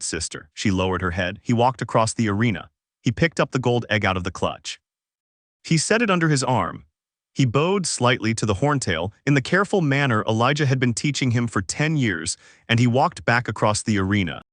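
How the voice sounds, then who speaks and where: A man's voice: mid-range voice, a bit bright, dry recording. Man narrating a story in a dry, close voice. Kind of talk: scripted narration.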